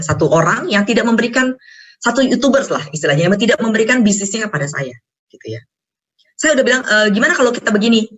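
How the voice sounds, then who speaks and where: Expressive woman preaching a testimony. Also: mid-range voice. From Indonesia. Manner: conversational, colloquial, expressive. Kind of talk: sermon with personal testimony.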